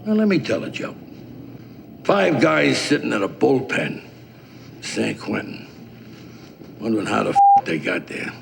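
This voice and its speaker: An actor playing a gruff, bossy older male crime boss with a gravelly voice, blunt and profane in crime film dialogue. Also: fairly low pitch, wildly swooping pitch, measured pace, pauses often, full character voice. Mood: scolding. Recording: noisy, long reverberant room sound.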